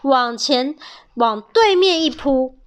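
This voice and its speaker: A woman reading a children's picture book aloud, in a gentle, measured storytelling manner. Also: high voice, expressive.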